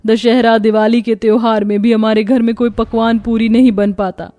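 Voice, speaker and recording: A woman's voice: mid-range voice, normal speed, dark tone, natural voice. A woman voicing a poor, tired young mother and wife with a sorrowful, complaining tone, in storybook acting. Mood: despairing.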